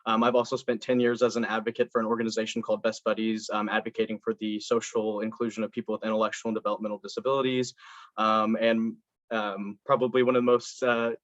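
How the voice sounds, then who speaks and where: Over a dull, dry, lo-fi video call, the same kind of earnest Indiana student candidate delivers his campaign speech and answers questions, stumbling through fillers and restarts. Here his voice is lowish and flat, and he talks fast.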